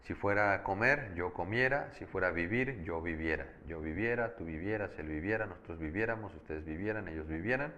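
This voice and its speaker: A man teaching a Spanish grammar lesson, patiently explaining and slowing down to spell out each verb form. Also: deep voice, sharp tone, highs cut off. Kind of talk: grammar lecture.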